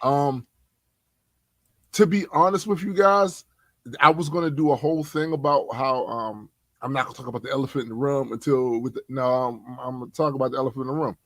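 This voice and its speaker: A man co-hosting a casual podcast, talking in an animated, slangy way and laughing often. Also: medium pitch, brisk, no room sound. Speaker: podcast co-host.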